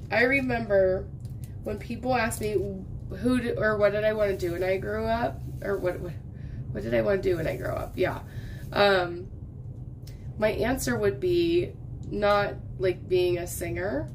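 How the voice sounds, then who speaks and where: Sitting indoors at her craft table, a woman in her thirties chats casually while diamond painting, drifting from thought to thought in an unhurried, medium-pitched voice. Slight background noise is audible. The crafting vlogger is recovering from a lost voice and coughs along the way.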